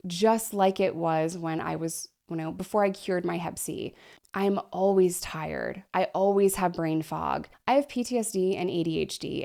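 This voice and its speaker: A woman in her thirties talks candidly into her desk microphone for a personal vlog. Her voice sits low, with a gravelly fry at the edges. She is short of breath and keeps pausing for deep breaths as she chats. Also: darkish tone. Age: 30s. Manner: frank, chatty, breathy pauses for deep breaths. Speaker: vlogger.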